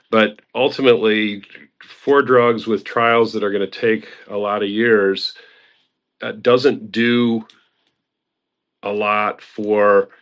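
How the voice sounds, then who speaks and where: A man with a low voice speaks slowly in a casual online audio-room discussion. He sounds reflective and unhurried as he thinks back over things. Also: fairly bright tone. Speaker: discussion participant.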